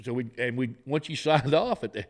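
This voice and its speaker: A man's voice: medium pitch, fairly quick. A middle-aged man with a Southern accent, telling profane, laughing stories as a guest on a podcast. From Florida, US. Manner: folksy, profane, laughs through his stories. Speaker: podcast guest, former game warden. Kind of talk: casual storytelling. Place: podcast set in a garage studio. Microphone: studio mic on boom arm, headphones.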